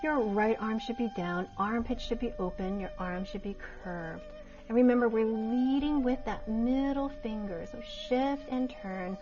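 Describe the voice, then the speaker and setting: A woman teaching tai chi, giving serene, calm movement cues in short, unhurried step-by-step phrases. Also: on the high side. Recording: dull lo-fi audio with background music.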